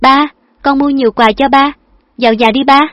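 A bubbly, teasing young woman, put on by a female storyteller in an audiobook, raised high and chirpy with a coaxing, affectionate lilt. The recording is dull and lo-fi, close and completely dry. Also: fairly even intonation, moderate pace, dry recording, natural voice.

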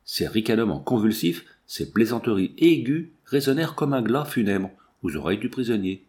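A man reading a novel aloud as an audiobook narrator, in steady, measured storytelling. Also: lowish voice. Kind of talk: scripted narration.

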